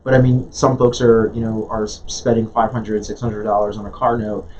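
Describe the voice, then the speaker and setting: Earnest low-voiced man in interview. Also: little pitch movement, normal speed, darkish tone. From Jamaica. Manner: earnest, many restarts and fillers. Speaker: guest, nonprofit leader. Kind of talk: conversational interview. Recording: dull lo-fi sound with faint noise.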